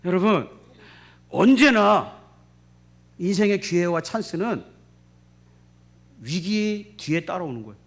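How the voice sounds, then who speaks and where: A middle-aged man preaching with a high voice that swoops up and down. He is emphatic and keeps repeating key phrases. He keeps asking the congregation rhetorical questions. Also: vocal fry. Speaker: pastor. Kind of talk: sermon.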